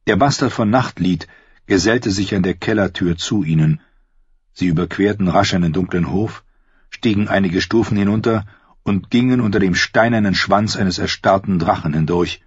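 Low husky male audiobook narrator. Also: no room sound. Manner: measured storytelling. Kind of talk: scripted fantasy narration. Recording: dull dry audiobook recording.

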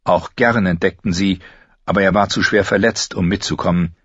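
A man's voice: deep voice, steady tone, normal speed, fairly bright tone, breathy edge, no room sound, highs cut off. A man reading a fantasy novel aloud as an audiobook narrator, telling it steadily and raising his voice for the characters' lines.

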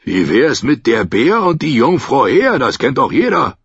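A man voicing a steady young man who firmly encourages an exhausted friend. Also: mid-range voice, measured pace, gravelly, slightly rough, no room sound, highs cut off, voice pushed up, exaggerated voice. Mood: coaxing. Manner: firm, encouraging.

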